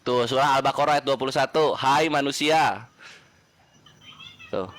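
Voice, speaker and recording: A man's voice: mid-range voice, steady tone, quick pace, a bit bright, no room sound. A man taking part in a heated online debate, swinging between mocking taunts and a lecturing tone.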